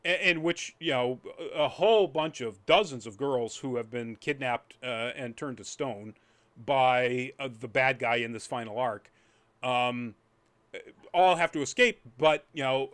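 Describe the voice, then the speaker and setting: A male podcast host with a mid-range, fairly bright voice speaks a little slowly in a casual chat review. He rambles, drifts into tangents and trails off into asides.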